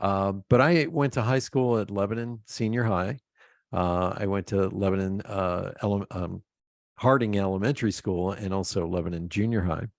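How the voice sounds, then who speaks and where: Middle-aged man, from Pennsylvania, podcast guest, rambling storyteller, laughs often, lowish voice, dry close sound. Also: creaky, no echo. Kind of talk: casual interview chat.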